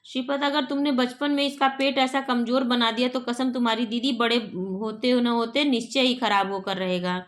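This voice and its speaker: A woman reading aloud as a jovial, teasing young uncle in a play, with a fairly high voice. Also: fairly even intonation, moderate pace, few pauses, natural voice. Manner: playful, teasing.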